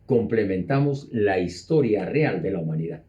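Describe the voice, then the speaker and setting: A man speaking as an interview guest in a dark, mellow voice. He explains at a measured pace and repeats words as he goes. He slows down to stress his points. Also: lowish voice, animated, lo-fi sound. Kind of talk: conversational explaining.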